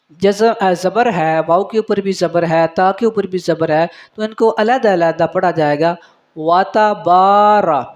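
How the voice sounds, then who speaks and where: A man with a high voice teaches how to recite prayer correctly. He points out common mistakes and repeats each word to show the right sound. Between explanations he chants verses in a slow, drawn-out melody.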